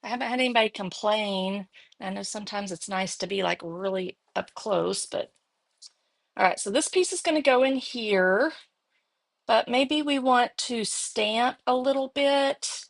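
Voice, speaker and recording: A woman's voice: a little high, a little slow, gravelly, dry recording. A woman with a Texas accent hosting a casual card-making demo, chatting and thinking aloud as she works. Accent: Texan. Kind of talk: casual live crafting demo.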